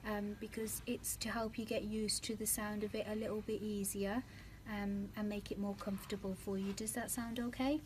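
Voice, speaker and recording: A woman working as an audiologist, calmly and patiently explaining a hearing implant fitting in a clinic. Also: mid-range voice, moderate pace, few pauses, a little hiss or hum. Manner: calm, patient, reassuring.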